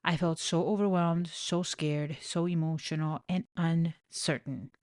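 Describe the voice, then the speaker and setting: Her voice is deep, steady and unhurried, recorded dry and at studio quality. She's a life coach in her thirties from Venezuela, pregnant, hosting a faith-based podcast of personal reflection, heartfelt and earnest, often laughing softly.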